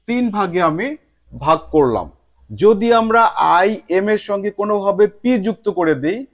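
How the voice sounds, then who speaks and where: A man teaching a spoken lesson, mixing English phrases into his speech and drawing out each example word slowly. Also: a little high. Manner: slow drawn-out word demonstrations.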